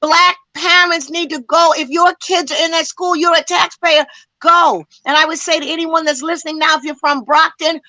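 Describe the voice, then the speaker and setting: A woman's voice: very high voice, steady tone, moderate pace, bright, forceful tone, no room sound, poor audio. A woman community educator speaking with passion in a panel discussion, emphatic and full of rhetorical questions, a little out of breath.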